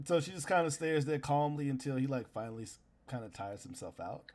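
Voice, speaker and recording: A man's voice: medium pitch, lively intonation, fairly quick, a little mellow. A man narrating a tabletop game as game master, improvising in a casual, slangy way.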